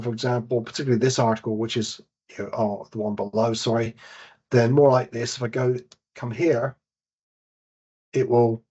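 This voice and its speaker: A British database trainer runs a software demo webinar, talking through each step as he clicks from screen to screen and sometimes correcting himself. His voice sits at a medium pitch with a breathy edge, and the webinar audio is dull and lo-fi.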